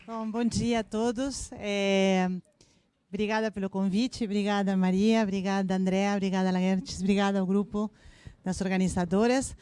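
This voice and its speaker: An Argentine woman in her fifties, a native Spanish speaker with an Argentine accent, is the invited speaker at a corporate event, giving a chatty, joking talk full of hesitant fillers. Her voice is mid-range, dark and smooth, with fairly even intonation at a normal speed.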